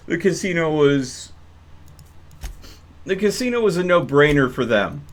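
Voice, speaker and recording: A young man's slightly bright, higher-pitched voice carries his casual commentary as he live-streams a game, his talk meandering and hesitant.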